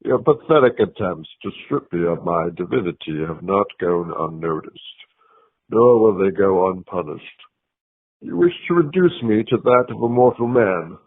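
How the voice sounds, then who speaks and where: A man's voice: low-pitched, lively intonation, moderate pace, breathy edge, full character voice. A man voicing a grandiose, deluded wrestler who believes he is divine, speaking with pompous theatrical menace. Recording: tinny phone voicemail.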